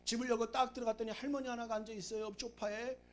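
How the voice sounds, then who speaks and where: A man's voice: extremely high pitch, flat delivery, fast talker. A male pastor preaching a sermon, urging his congregation with emphatic repetition and stories. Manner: emphatic, repetitive exhortation with storytelling.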